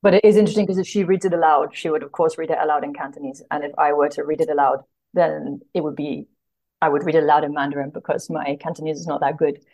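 A woman with a low, slightly mellow voice speaks quickly and with fairly even intonation. She is a literary translator guesting on a podcast, earnest and reflective, frequently hunting for words.

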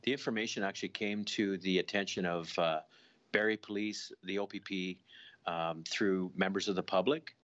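A man who is a senior police official answering interview questions in a deliberate, official way, pausing with fillers. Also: low voice, fairly even intonation, a bit bright, muffled recording. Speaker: police deputy commissioner.

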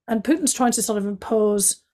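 A woman's voice: fairly high pitch, a little fast, warm tone. Middle-aged woman w/ a northeast english accent, talking candidly as a guest, lots of "you know"s. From County Durham, England. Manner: fluent and candid, with frequent fillers and restarts. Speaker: guest, former intelligence analyst. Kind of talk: conversational interview answers.

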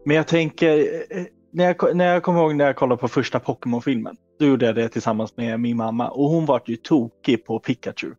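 A man's voice: medium pitch, hardly any pauses, a little mellow, dry recording, highs cut off, soft background music. A man co-hosting a casual gaming podcast, thinking aloud through examples. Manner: thoughtful, talks through examples. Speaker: podcast co-host.

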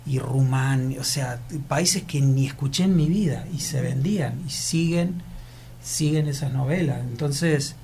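Speaking unhurriedly in a mid-range, darkish voice with vocal fry, an Argentine actor with an Argentine accent rambles reflectively through a casual interview, restarting often. A little hiss or hum sits under the recording.

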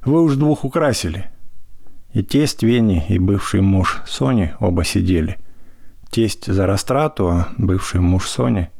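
Низкий хрипловатый мужской голос чтеца. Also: male voice, deep voice, unhurried, creaky, a little mellow, no echo, studio quality. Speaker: narrator. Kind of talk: literary audiobook reading.

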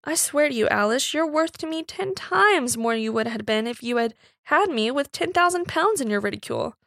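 A woman's voice: sits high, animated, normal speed, vocal fry, fairly bright tone, dry recording, clean studio sound, heavily acted. A woman voicing an honest working-class young man who speaks in plain rustic dialect. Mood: earnest.

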